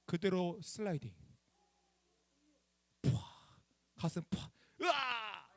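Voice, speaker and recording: The voice belongs to a young man, high and brisk, preaching as a youth pastor to a group of teenagers. He tells a personal story in a chatty, animated style and keeps asking the students questions, making for a lively sermon. The recording is dry.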